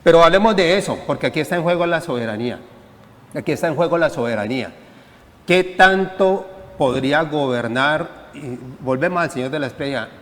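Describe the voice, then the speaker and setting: A man speaking as a panelist on a political talk show, making measured arguments with frequent hesitant fillers. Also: a little high, expressive, long reverb tail.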